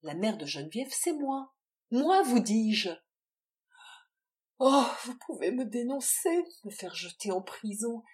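A woman's voice: fairly low pitch, darkish tone, lightly acted. A woman reading the part of an anguished young woman confessing a secret child, in a despairing, impassioned way. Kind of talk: audiobook character reading.

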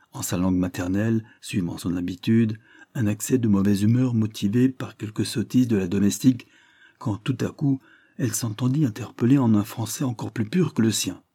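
A man's voice: fairly low pitch, dark tone, slightly rough, dry recording, studio quality. A man reading a novel aloud as scripted narration, lifting his voice for dialogue. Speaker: audiobook reader.

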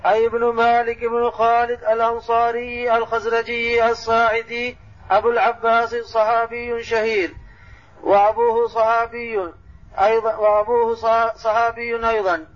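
A man reading the text aloud for a lesson in a very high voice. He recites it steadily and keeps his pitch flat. The sound comes from a muffled old tape. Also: normal speed. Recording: dull lo-fi old tape recording.

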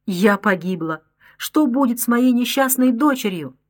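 A woman's voice: a little high, expressive, measured pace, voice pushed up. Woman reading as a frantic anguished mother. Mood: despairing. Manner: anguished, crying out. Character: desperate middle-aged mother, frantic and pleading.

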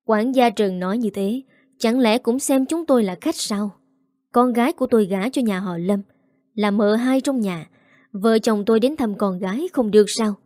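This is a wronged middle-aged father in a storybook tale, voiced by a woman reader. He protests with restrained anger, in a dark, mellow tone and a dry close recording. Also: on the high side, normal speed, no echo, close to an everyday voice. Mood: indignant. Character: angry, humiliated father, middle-aged man.

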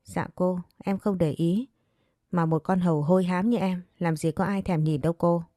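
A woman's voice: on the low side, fairly even intonation, normal speed, dark tone, dry recording, studio quality, lightly acted. A woman voicing a timid young servant girl who answers humbly and begs forgiveness. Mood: deferential. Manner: meek, pleading, deferential.

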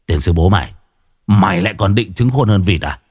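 Guy doing a sick grouchy big brother, deep groany voice, coughing. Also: expressive, fairly quick, a little mellow, no echo, studio quality. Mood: sick grumbling. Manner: groaning, gruff.

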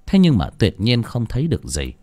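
A man narrating a story in a dramatic, expressive way. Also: medium pitch, brisk, no echo. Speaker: audiobook narrator.

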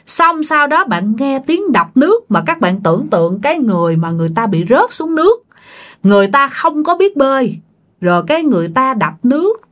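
A woman with a Southern Vietnamese accent narrating a ghost story dramatically, speaking straight to her listeners. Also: a little high. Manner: dramatic, addresses listeners directly.

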